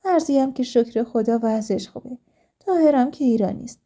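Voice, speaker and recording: A woman narrating a first-person life story in a calm, steady reading voice. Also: on the high side.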